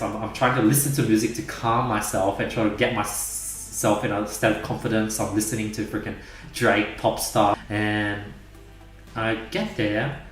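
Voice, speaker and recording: A man's voice: on the low side, a bit bright. Rambling young man in an echoey room. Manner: rambling, many "like" fillers. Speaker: podcast host. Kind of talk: casual storytelling chat. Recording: roomy echo, mic at a distance.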